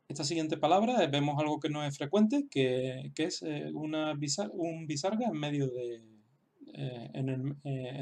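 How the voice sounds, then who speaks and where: A man explaining a language lesson in a hesitant, unscripted way, full of fillers and restarts. He sounds out example words slowly and carefully, repeating each one. His pitch sits in an ordinary middle range for a man. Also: a little mellow. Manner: slow, careful example pronunciations. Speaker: teacher. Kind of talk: screen lesson with spoken examples.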